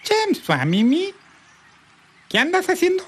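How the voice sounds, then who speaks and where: Wary little partridge hen, voiced by the narrator: high and chirpy, scolds with a sharp tongue. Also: wildly swooping pitch, slow, a little hiss or hum, heavily acted.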